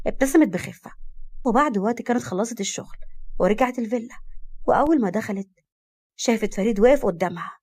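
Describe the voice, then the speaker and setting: A woman with an Egyptian accent narrating an audio story in a brisk storytelling way. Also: a little high, animated, darkish tone.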